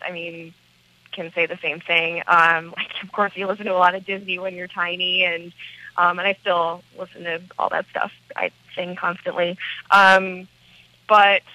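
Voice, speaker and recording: An American woman with a smoky, raspy voice, talking casually and candidly as an interview guest, with hesitant phrasing. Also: on the low side, pushed and bright, dry recording, dull audio. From small town in central Wisconsin, United States. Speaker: rock band lead singer, interview guest.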